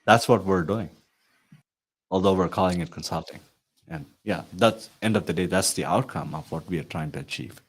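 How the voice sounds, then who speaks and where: Deep-voiced man pitching IT consulting. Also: moderate pace, breathy edge. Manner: earnest, persuasive, repeats "right?". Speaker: IT consulting coach. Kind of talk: promotional talk to viewers.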